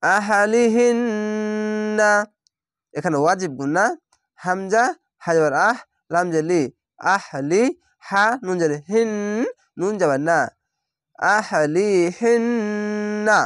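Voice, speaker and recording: A man teaching Quran reading, spelling out each word and drawing it out slowly, then explaining the rules at a quicker clip in Bangladeshi Bengali. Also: sits high, no echo, clean studio sound. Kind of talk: spelled-out Quran recitation lesson.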